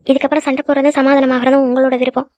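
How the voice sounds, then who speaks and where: A woman's voice: sits high, flat delivery, very fast, a little mellow, dry recording, close to an everyday voice. A woman voicing a hot-tempered young woman in a cartoon who lectures her friends at length. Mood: earnest. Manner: scolding, lecturing, then frightened. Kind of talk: cartoon voice acting. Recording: dull lo-fi dry recording.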